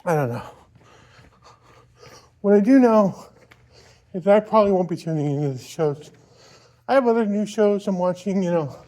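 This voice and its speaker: Guy doing a casual vlog while running, kinda high voice but mellow, just rambling his opinions. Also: expressive, normal speed, pauses often. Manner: talking while out on a run. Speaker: vlogger.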